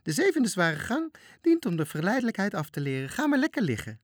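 A man voicing a cackling old woman who keeps a tower in a children's story, in a high, shrill put-on voice. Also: wildly swooping pitch, fairly quick, no room sound, studio quality, exaggerated voice. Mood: gloating.

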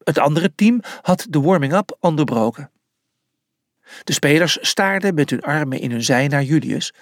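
Husky slow storyteller reading a kids book, bouncy delivery, dry close sound. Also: medium pitch, no echo. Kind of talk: storybook narration.

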